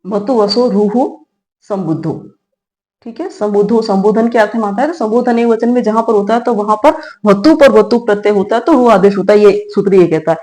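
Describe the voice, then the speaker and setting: A woman's voice: medium pitch, fairly quick, mellow, low-quality recording. A middle-aged woman teaching a grammar lesson. She explains step by step, asks questions and answers them herself, and checks in often with a short "all right". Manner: explains step by step with rhetorical questions, frequent "theek hai". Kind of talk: classroom lecture.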